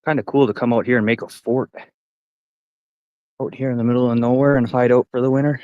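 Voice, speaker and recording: Canadian man in his 40s, live-stream hiking vlogger, rambling profane chatter, dry close sound, mid pitch. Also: flat delivery, brisk, dark tone, dry recording, dull audio. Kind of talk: casual live-stream chat while hiking. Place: outdoors on a forest trail.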